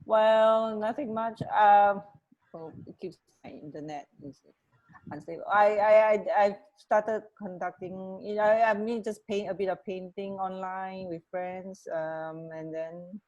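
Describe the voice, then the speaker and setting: A middle-aged woman co-hosts a radio show from her living room at home, which has stairs, joining by video call through an earphone mic. Her chat is casual and hesitant. Her mid-range voice is steady, slightly slow and a little mellow, with lo-fi sound.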